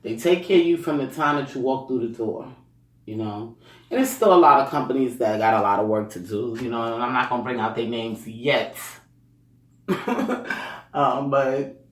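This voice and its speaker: Offering life advice in a casual motivational monologue, a man rambles at a moderate pace in a mid-range voice, sprinkling in "you know" and "um" and chuckling between points. The mic is distant, picking up a roomy echo.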